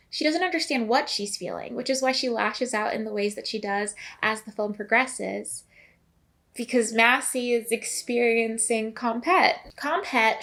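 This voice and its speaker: A woman's voice: on the high side, fairly bright tone. A young woman narrating a video essay in a casual, chatty way, with asides to the viewer.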